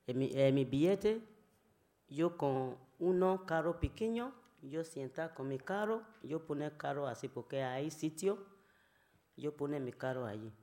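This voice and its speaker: A woman who is not a native Spanish speaker, speaking halting learner's Spanish with many fillers and an emotional, pleading tone as she gives a personal testimony. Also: low voice, darkish tone.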